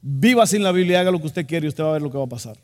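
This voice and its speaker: A man preaching a lively sermon as pastor, acting out voices and joking with the congregation. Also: a little high, racing, in a large hall.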